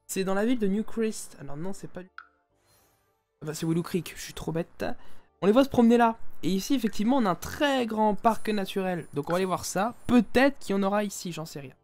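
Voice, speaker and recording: A man's voice: sits high, a little fast, darkish tone, faint music behind. A young man giving casual, jokey commentary while playing a life-simulation game, often addressing viewers directly as his friends. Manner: jokey, talks to viewers as "les amis". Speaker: gaming YouTuber. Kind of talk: casual let's-play commentary.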